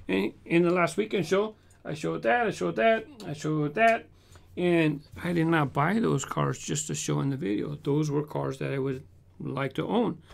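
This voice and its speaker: Speaking at a normal speed, the host's voice is a little high and carries vocal fry. He's a Southern Californian in his fifties running a toy car collector channel, casually and animatedly responding to viewer comments from a home room with toy car shelves. He gestures, shows toy cars, and talks into a large desk condenser mic.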